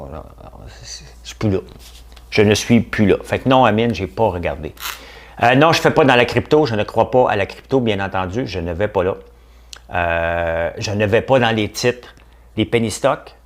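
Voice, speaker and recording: A middle-aged man with a broad Québécois accent hosts a casual live stream, answering viewers' questions in a blunt, animated way. His voice sits a little low, and he brushes topics off with quick, dismissive asides. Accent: Québécois French. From Quebec. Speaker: host of a daily news and markets show.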